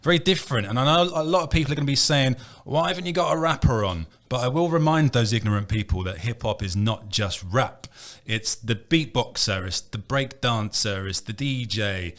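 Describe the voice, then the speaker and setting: A man's voice: mid-range voice, brisk, few pauses, fairly bright tone. A man hosting a hip hop show, upbeat and hyping, often repeating words as he starts. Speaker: show host. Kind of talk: casual interview chat.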